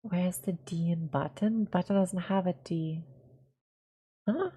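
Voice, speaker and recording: A woman's voice: lowish voice, slow pace, mellow, husky. A woman from California chatting casually on a live stream, giggly and self-deprecating, repeating words over and over to test how she says them.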